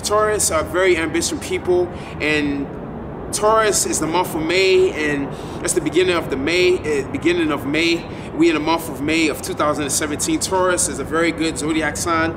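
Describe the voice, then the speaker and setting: A man's voice: fairly high pitch, normal speed. A man in his twenties talking casually to the camera outdoors at night, rambling and repeating himself. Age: 20s. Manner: rambling, repetitive, laid-back. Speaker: vlogger. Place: outdoors at night in front of a building. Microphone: camera a few feet away. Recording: distant camera mic, street noise.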